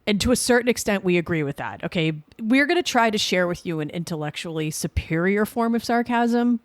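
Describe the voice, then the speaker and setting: A woman's voice: mid-range voice, lively intonation, brisk, dry recording. A woman in her forties from the Boston suburbs, co-hosting a comedy podcast with dry, sarcastic, rambling asides. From Boston suburbs, USA. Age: 40s. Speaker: podcast co-host.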